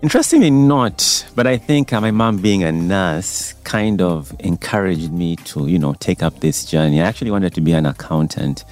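A man speaks as a doctor and radio guest. His voice is very low, and he explains things in a relaxed way, with the odd "um" as he thinks. Faint music sits in the studio background. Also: normal speed, few pauses. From Uganda. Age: 40s. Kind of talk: radio interview.

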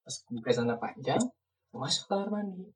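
A young man co-hosting a casual podcast, telling a story with sudden loud outbursts. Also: mid-range voice, expressive, fast, slight background noise. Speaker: podcast co-host. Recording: distant mic in a room at home.

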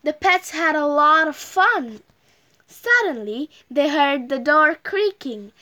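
A woman reading a children's story aloud in an animated, sing-song manner. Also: high-pitched, takes it slowly.

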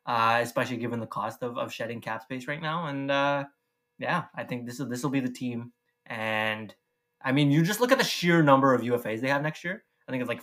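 A man's voice: medium pitch, fairly bright tone. A man co-hosting a casual sports podcast, talking loosely with fillers and swearing. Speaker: podcast co-host.

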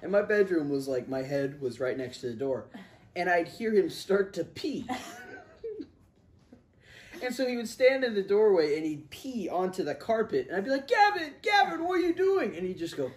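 A man's voice: high-pitched, moderate pace, slight background noise. A young man co-hosting a casual comedy podcast, telling childhood stories and giggling as he talks. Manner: animated storyteller, giggles mid-sentence. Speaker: podcast co-host.

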